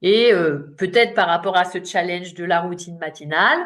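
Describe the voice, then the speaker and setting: A woman in her late fifties talks to her audience as a coach. Her voice sits a little low, and she keeps it loose and chatty, full of fillers and small laughs at herself. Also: normal speed, a bit bright. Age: 50s. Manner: chatty and informal, with fillers and self-deprecating laughs. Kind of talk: live online talk to an audience.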